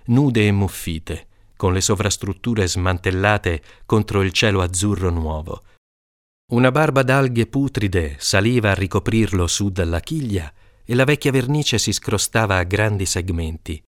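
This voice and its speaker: A man reading a literary short story aloud in a measured, calm voice, lifting into high voices for the children's shouts. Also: no room sound, clean studio sound. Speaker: audiobook reader.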